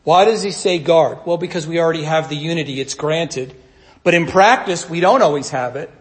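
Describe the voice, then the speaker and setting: A man preaching a sermon, teaching in a conversational way and swinging between loud urging and soft asides. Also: on the high side, fairly quick, roomy sound. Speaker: pastor.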